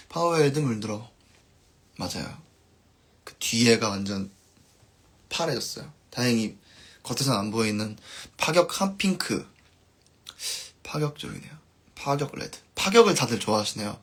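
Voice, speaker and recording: A man who's a band musician hangs out on his live stream, casually reading comments aloud with sentences that fade softly at the end. He speaks at medium pitch and a moderate pace, leaving long pauses.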